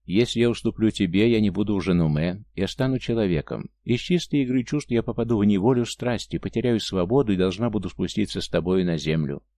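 A man's voice: on the low side, fast, hardly any pauses, warm tone, natural voice. Man voicing a proud Martian woman. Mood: pleading. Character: Martian woman, tender, proud, free-spirited.

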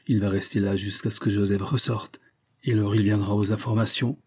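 A man's voice: on the low side, level tone, brisk, darkish tone, husky. A man voicing a stout, commanding older detective who speaks curtly and with full confidence. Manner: curt, sure of himself, peremptory.

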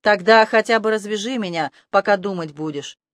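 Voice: medium pitch, moderate pace, a bit bright, dry recording, natural voice. An audiobook narrator voicing a sarcastic, scruffy male talking rat with a mocking, needling manner. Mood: complaining. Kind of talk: audiobook character voice.

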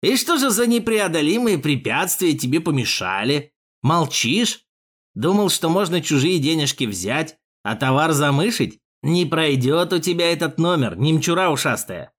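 A man's voice: fairly high pitch, sing-song, moderate pace, voice pushed up. A man voicing a mocking, crude male police thug with a jeering manner in an audiobook. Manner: jeering, sneering, loud.

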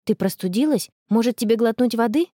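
A woman's voice: fairly high pitch, a little fast, mellow, no echo, clean studio sound, natural voice. A woman voicing a cheerful, dreamy teenage girl in love, gushing as she talks.

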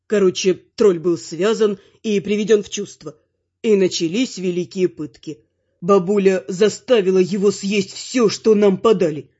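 Woman, audiobook narrator, wry ironic storytelling, mid pitch, muffled lo-fi recording. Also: dark tone. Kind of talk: first-person fantasy narration.

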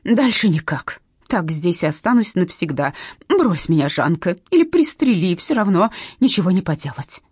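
A woman's voice: lowish voice, big pitch swings, moderate pace, darkish tone, slightly rough, no echo, clean studio sound. A woman voicing a clumsy, flustered young woman who whines and frets in an audiobook story. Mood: despairing. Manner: plaintive and flustered.

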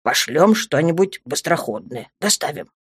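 Woman doing dark lord, grown man, low murmuring voice, tender, teasing, storybook, dry close sound. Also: big pitch swings, moderate pace, husky, dry recording, heavily acted. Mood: calm reassuring.

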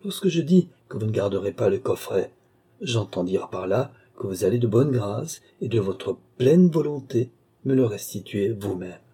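A man voicing a cool, mocking count and sorcerer in an audiobook, calm and commanding. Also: fairly low pitch, moderate pace, breathy edge.

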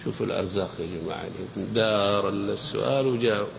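A man's voice: fairly low pitch, fast talker, creaky. A man teaching a grammar lesson, quizzing his audience in a playful, teasing way. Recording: echoey hall with faint noise.

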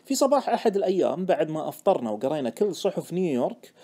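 This is expressive, scripted first-person audiobook narration from a man whose voice is dark and mellow but a little high. He reads quickly and with animation, letting his intonation rise and fall freely.

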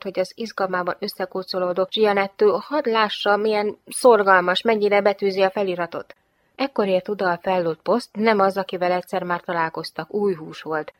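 A woman's voice: medium pitch, dry recording. A woman reading a novel aloud as an audiobook narrator, with a wry, ironic delivery.

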